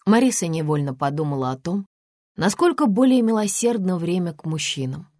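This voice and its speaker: A woman reads a novel aloud in a low, measured voice. The recording is dry and close, with no room sound. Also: animated, dark tone, no room sound. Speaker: audiobook narrator. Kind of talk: scripted narration.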